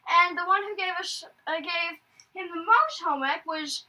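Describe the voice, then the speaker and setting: Silly puppet dog played by a woman, squeaky-high, bright, chatty, interjecting, comic vlog sidekick, distant mic. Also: moderate pace, full character voice. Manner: interjecting, exclaiming. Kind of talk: casual comic co-hosting.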